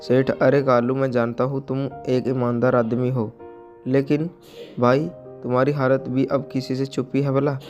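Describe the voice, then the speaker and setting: A man's voice: medium pitch, flat delivery, normal speed, a little mellow, muffled recording, soft background music, close to an everyday voice. A man voicing a greedy, pushy village moneylender who always has a cold. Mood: wheedling. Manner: pushy, fussy about money. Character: greedy moneylender, middle-aged man, sniffly. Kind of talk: storybook character voice.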